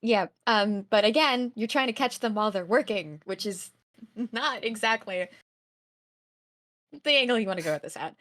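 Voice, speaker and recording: Casting note: woman game master, plain mid pitch, hesitant narration full of fillers. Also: fairly bright tone. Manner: halting, many fillers. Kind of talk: narrating a tabletop role-play.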